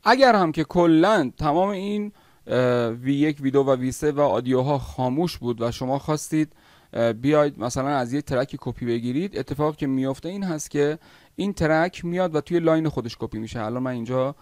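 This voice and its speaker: A man teaching video editing software step by step in a screen-recorded tutorial, pausing often with "uh" as he explains. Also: mid-range voice, no echo, clean studio sound. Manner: step-by-step explaining, with frequent "uh" pauses.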